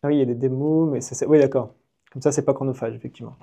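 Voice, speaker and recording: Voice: medium pitch, fairly even intonation, vocal fry, mellow. A host interviewing a guest on a live stream and reading out chat messages. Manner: rapid, reads out chat messages.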